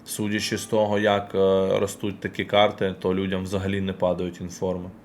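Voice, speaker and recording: A man streams a football card game in a low, darkish voice with a completely flat delivery, and a little hiss or hum is audible. Still, he chats casually with viewers, addressing chat directly and reacting quickly as he opens packs.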